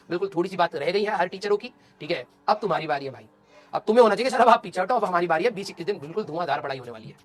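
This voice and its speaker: Guy teacher pepping up exam kids, talks fast, bit bossy but kind, soft music under it. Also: high voice. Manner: blunt, scolding yet encouraging, asks "clear?". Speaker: coaching teacher. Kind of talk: motivational class talk.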